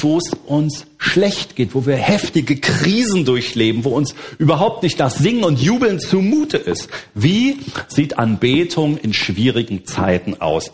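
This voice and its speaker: A middle-aged man from Berlin preaching a sermon as a guest pastor, relaxed and conversational with frequent fillers. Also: medium pitch. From Berlin, Germany.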